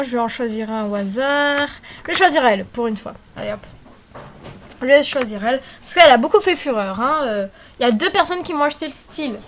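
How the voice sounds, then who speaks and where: High-voiced young woman chatting. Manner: chatty, rambling, many fillers and apologies. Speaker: tutorial maker. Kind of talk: casual screen-recorded tutorial. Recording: faint background noise and clicks.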